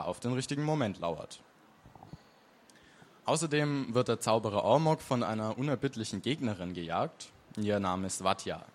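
A man introducing and then reading aloud from his own fantasy novel in a calm, measured storytelling manner. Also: lowish voice.

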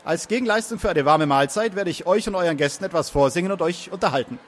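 A man voicing a calm, self-assured wandering minstrel who speaks courteously. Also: sits high, quick pace.

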